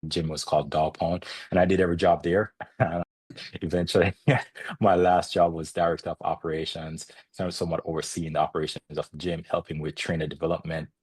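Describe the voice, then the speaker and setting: A man's voice: sits low, flat delivery, a little fast, darkish tone, breathy edge, no echo. A man in his thirties from Jamaica with a Jamaican accent, a fitness expert being interviewed, reflective and often laughing as he tells his story.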